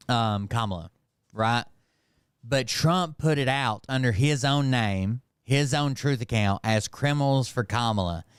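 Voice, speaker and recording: Commenting on political clips for his casual show, this Montreal host speaks bluntly, swearing often and mocking freely. His mid-range voice is clean and smooth, captured close and dry without any room sound.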